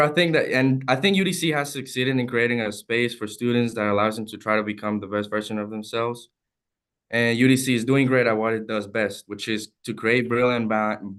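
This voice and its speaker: A man's voice: lowish voice, fairly bright tone. A young man from El Salvador, a student, reading prepared testimony at a hearing in an earnest, formal and heartfelt way. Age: young adult.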